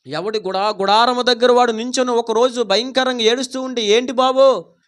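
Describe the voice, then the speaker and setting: A man's voice: very high-pitched, steady tone, fairly quick, a bit bright. A man preaching a Sunday worship sermon in church. He speaks fervently and puts many rhetorical questions to the congregation. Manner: acts out quoted pleas dramatically. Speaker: pastor. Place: church service.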